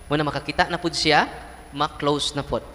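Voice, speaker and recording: A Cebuano-accented priest preaches with a bright, forceful voice that carries. His pitch sits a little high for a man, and his sermon is lively and playful as he acts out the people in his stories. His voice rings with the long reverb of a large hall. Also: fairly quick. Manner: animated storyteller, acts out voices and laughs.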